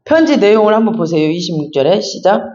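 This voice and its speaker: Male pastor, high voice, chatty emphatic Bible teaching, echoey muffled church recording. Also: sing-song, fast talker, a crowd in the background. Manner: conversational, emphatic, reads verses then explains. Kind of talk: expository Bible sermon. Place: church sanctuary. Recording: echoey, dull church sound.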